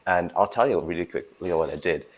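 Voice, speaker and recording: A young man from Germany, a startup founder giving casual interview answers, talking fast with restarts and emphasis. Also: low voice, low-quality recording. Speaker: guest, food startup founder.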